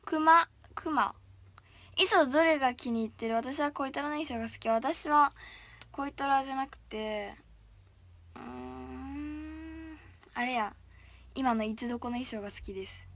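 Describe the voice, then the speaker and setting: A young woman talks casually to her viewers, reading their comments aloud and answering in a playful, chatty way. Her voice sits high and sounds bright and sharp. She often drops into a soft whisper as she reads. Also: measured pace, gravelly, pauses often. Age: young, still a student. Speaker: idol livestreamer.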